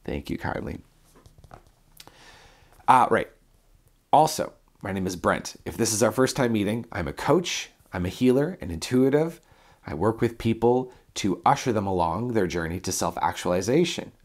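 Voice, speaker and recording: A man with a blocked, stuffed-up nose, sick and mouth-breathing, talking through a self-help lesson as a coach in a deliberate, earnest way. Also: fairly low pitch, animated. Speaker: self-development coach and video presenter.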